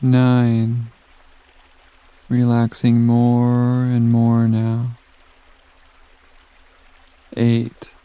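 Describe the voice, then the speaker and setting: A man guiding a sleep meditation in a soft, soothing voice with long pauses, recorded close on the mic. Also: medium pitch, completely flat delivery, smooth, no room sound, dull audio. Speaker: meditation guide.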